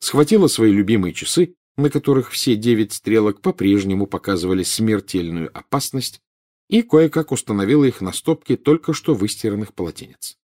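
Guy narrating an audiobook, very expressive, melodic. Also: lowish voice, brisk. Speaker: audiobook reader. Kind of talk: storybook narration.

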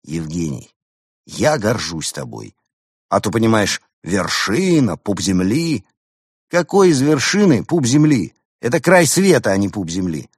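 A man's voice: sits low, very animated, a little slow, breathy edge, no echo, clean studio sound, heavily acted. A man voicing a proud male animal who speaks emphatically.

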